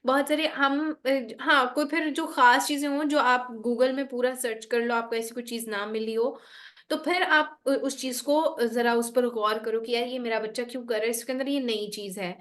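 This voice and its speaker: A woman teaching about parenting, explaining calmly in a steady advice session with practical steps. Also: fairly high pitch, normal speed.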